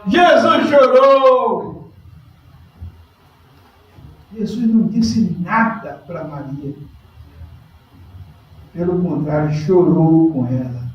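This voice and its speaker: Animated pastor preaching in an echoey hall. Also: male voice, sits high, drawn-out words, long pauses, distant mic, muffled recording. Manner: lively preaching, quizzes the congregation by name. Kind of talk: sermon.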